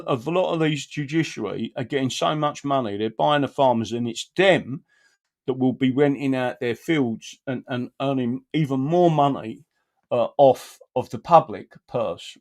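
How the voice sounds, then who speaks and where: Emphatic man giving informal commentary. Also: medium pitch. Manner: emphatic, repeatedly checking with "right?". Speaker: commentator presenting a clip. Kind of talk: informal spoken commentary on a video.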